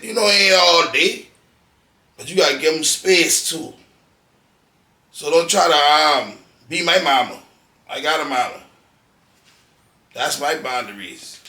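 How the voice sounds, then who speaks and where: As a podcast guest in a casual interview chat, a man tells blunt, profane stories and acts out quotes. His voice is a little high and sharp, recorded off-mic from a distance in an echoey room.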